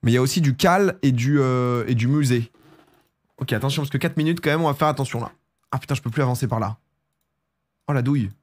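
A young man with a sore throat chatting casually and excitably on a live stream, jumping into loud, high bursts. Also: fast, long pauses.

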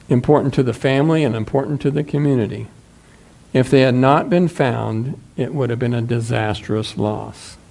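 A man in his sixties with a Midwestern American accent, preaching a sermon in a small church and reading scripture at a measured pace. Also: mid-range voice, vocal fry, warm tone. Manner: measured, reads scripture aloud from a booklet. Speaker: pastor.

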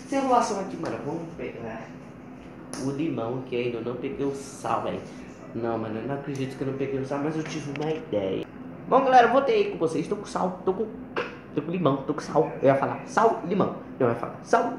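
A high-pitched teenage boy with a Brazilian accent hosts a challenge video for his vlog, chatting to the camera in a casual, slangy way and often repeating himself. He's indoors in a small tiled home kitchen, filmed on a phone camera held about arm's length away, so the audio is echoey and clearly noisy.

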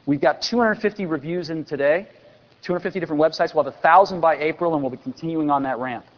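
A company executive in his forties delivers an enthusiastic product keynote on a large convention stage, tossing in dry, sarcastic asides. His voice is fairly high-pitched and quick. The dull lo-fi recording carries a long hall reverb.

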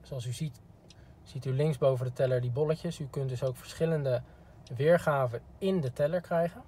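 At a moderate pace and in a dark, medium-pitched voice, a man delivers a polite, informal demo as a car product expert. He was recorded in a parked car, and the background noise is clear.

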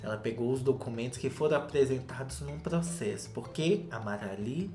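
A young man with a Brazilian Portuguese accent recapping a reality show in a campy, dramatic gossip style. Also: moderate pace. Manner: campy, dramatic, acts out quotes in shrill voices. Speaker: reality TV commentator. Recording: roomy echo, faint background music.

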